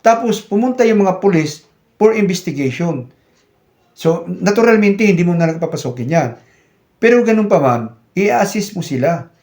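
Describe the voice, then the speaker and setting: A man's voice: sits high, lively intonation, normal speed, darkish tone. A Filipino man who runs a channel, explaining security guard rules to viewers in a casual, conversational way. He keeps talking to viewers as guys, and he acts out short scenes as he goes. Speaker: YouTube channel host, security guard trainer.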